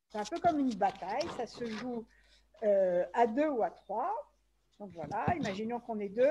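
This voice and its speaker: A woman's voice: on the high side, a little mellow, lo-fi sound, a little hiss or hum. A woman presenting a game on an online webinar, walking through the rules step by step over a video call.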